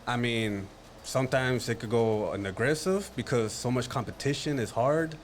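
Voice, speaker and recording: A man from Dallas in his thirties co-hosting a casual sports podcast, joking and animated. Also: medium pitch, moderate pace, slight background noise. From Dallas, Texas. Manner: joking, animated, laughs easily. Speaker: podcast co-host.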